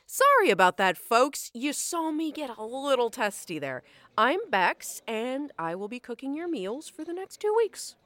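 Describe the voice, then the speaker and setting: A bitter, foul-mouthed cook, played by a woman, all crude sarcasm and combative jabs. Her pitch swings widely as she snaps back in this audio drama. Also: big pitch swings, measured pace, hardly any pauses, a bit bright, dry recording, full character voice. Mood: sardonic. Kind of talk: fiction podcast drama.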